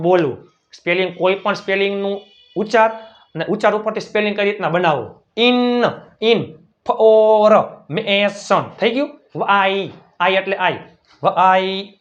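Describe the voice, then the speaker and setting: A man teaching spoken English who drills each word slowly and checks in with viewers, then rushes through his asides. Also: high voice, fairly bright tone, muffled recording.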